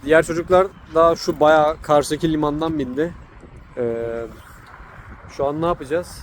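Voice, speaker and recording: A man's voice: a little high, fairly even intonation, moderate pace, a little hiss or hum. A young man with a Turkish accent chatting casually and jokingly with friends for a vlog. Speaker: travel vlogger. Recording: busy crowd behind the voice.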